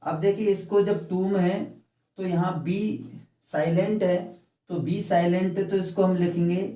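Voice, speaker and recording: A man teaching a phonetics lesson, explaining each point slowly and step by step, slipping English terms into his talk. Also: high voice, level tone, dark tone, distant mic. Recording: echoey room, mic set back.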